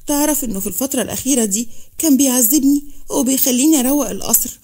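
A woman's voice: high voice, rapid-fire, warm tone. A woman with an Egyptian accent voicing a resentful young wife who complains in a plaintive, defensive way. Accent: Egyptian Arabic.

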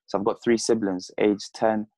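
A French-speaking boxer in his twenties, from Congo, Zambia and the UK, chats casually as an interview guest over a video call, using earphones in a plain room at home. His fairly low, slightly mellow voice has a flat delivery at normal speed.

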